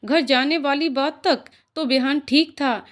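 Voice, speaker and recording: A woman narrating a scripted emotional story in a calm, even storytelling manner. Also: sits high, unhurried.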